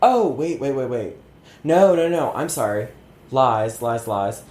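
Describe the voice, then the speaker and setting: A man's voice: medium pitch, animated, measured pace, a little mellow. A man in his thirties, interview guest, chatting casually and rambling with lots of fillers and easy laughter. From born in Connecticut, raised in Georgia. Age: 30s. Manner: rambling, self-deprecating, laughs easily, many fillers. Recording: roomy sound with faint ambience.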